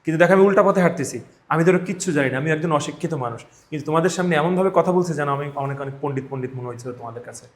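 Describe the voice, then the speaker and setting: The teacher talks very fast in a fairly high voice, with slight background noise in the echoey indoor classroom. He's a man with a Bangladeshi accent giving live spoken English instruction with drills. He stays emphatic, repeats phrases, and checks whether students follow.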